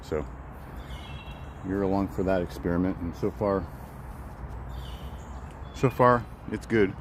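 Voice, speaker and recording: A man's voice: sits low, slow pace, slight background noise. A man live-streaming a hike on a wooded trail, chatting casually and greeting viewers by name, with a rambling way of repeating his words. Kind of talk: casual live-stream chat while hiking. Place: outdoors on a wooded nature trail.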